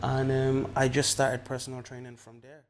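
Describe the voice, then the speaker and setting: A man, a personal trainer, telling his story in a relaxed way in a documentary interview. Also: medium pitch, normal speed, a little hiss or hum. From Ireland. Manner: relaxed storytelling, repeats himself.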